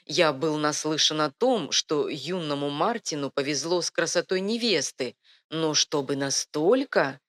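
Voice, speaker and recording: A woman voicing a charming, flattering nobleman with a soft, velvety manner in an audiobook. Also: low-pitched, a little slow. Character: velvet-voiced charming male lord, seductive. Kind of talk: audiobook reading.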